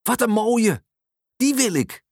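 A storyteller voicing an excited, easily frightened little boy in a children's storybook, in a high, bright childlike voice. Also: moderate pace, dry recording, clean studio sound. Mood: eager.

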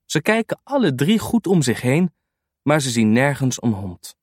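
A man reading a children's storybook aloud in an animated, unhurried way. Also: mid-range voice, slightly rough, dry recording, clean studio sound.

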